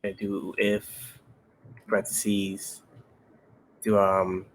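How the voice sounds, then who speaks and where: A young man with a somewhat low voice talks through a coding problem step by step. His manner is laid-back and patient, like a casual pair-programming session at home. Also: monotone, extremely slow, slight background noise. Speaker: interview candidate studying coding.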